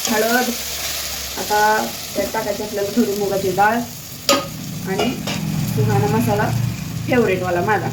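A hoarse woman, chatting playfully to her viewers in a home cooking vlog from her kitchen. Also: mid-range voice, very noisy.

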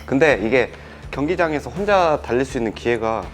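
Twenties male guest, relaxed and self-assured, middle pitch, background music. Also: brisk. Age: 20s. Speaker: racing driver guest. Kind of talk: casual interview answers.

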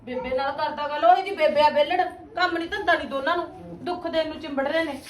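A woman playing a sharp-tongued, lazy young village wife who scolds her brother-in-law. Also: high voice, fast, far from the mic, natural voice. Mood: scolding. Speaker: daughter-in-law. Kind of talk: village comedy sketch acting. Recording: roomy echo, from the mic.

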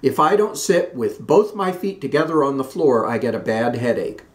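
A man voicing a chatty older Southern aunt who talks nonstop, in a high, breathless run-on way. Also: lively intonation, normal speed, lightly acted. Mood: fussy chatter. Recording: roomy echoey room.

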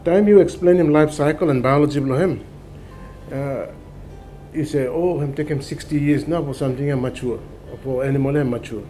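A man's voice: medium pitch, brisk, mellow, faint music behind. A middle-aged man with a Solomon Islands accent explaining in an interview in Solomon Islands Pidgin. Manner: speaks in Solomon Islands Pijin. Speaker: conservation organisation director. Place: indoor room in front of patterned curtain.

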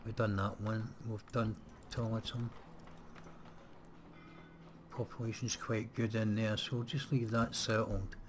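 A man's voice: lowish voice, little pitch movement, a little slow, pauses often, slight background noise. A man casually commentating while playing a strategy game, chatty and muttering to himself, on a close desk mic. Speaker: let's play gamer. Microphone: desk mic set close.

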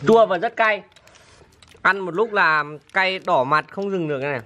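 Low-voiced woman eating burning spicy food. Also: a little slow, fairly bright tone. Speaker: host of an eating video. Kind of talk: casual chat. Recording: noisy handheld recording with clicks.

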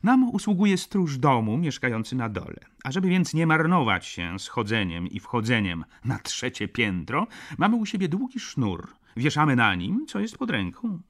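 A man's voice: mid-range voice, big pitch swings, normal speed, a bit bright, voice pushed up. A man reading an audiobook, voicing a smug young male student who speaks with sweet, mocking politeness. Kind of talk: audiobook character voice.

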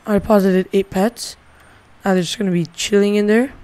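A man's voice: sits high, fairly even intonation, brisk, a little mellow. Rambling casual male gaming host. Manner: rambling, thinking aloud with many "like" fillers. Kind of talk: casual game tutorial commentary.

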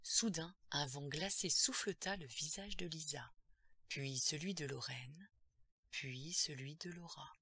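A woman's voice: deep voice, measured pace, pushed and bright, husky, no echo. A woman narrating a horror audiobook in a tense, dramatic storytelling manner.

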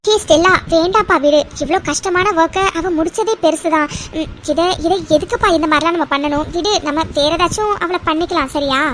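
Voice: very high voice, fairly quick, hardly any pauses, a bit bright, slight background noise. A performer voicing a cautious young woman colleague in a cartoon serial, arguing against a scheme. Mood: reasoning. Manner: reasoning, protesting.

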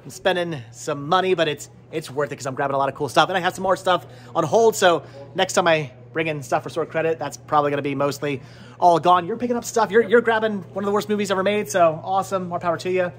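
This middle-aged vlog host's voice sits high and moves quickly as he rambles casually inside a small, cluttered shop full of movies and games. He repeats words for emphasis, with a phone or camera held at arm's length capturing him.

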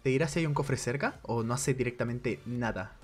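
A man's voice: mid-range voice, fairly quick, husky, soft background music. A man giving casual gameplay commentary for a video game guide, thinking aloud as he plays in a chatty, conversational way.

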